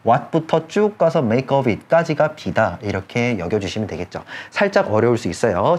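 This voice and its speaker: A man teaching an English grammar lecture, stopping often to check that students follow and repeating key points. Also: medium pitch. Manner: drawls key phrases slowly for emphasis. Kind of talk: online lecture.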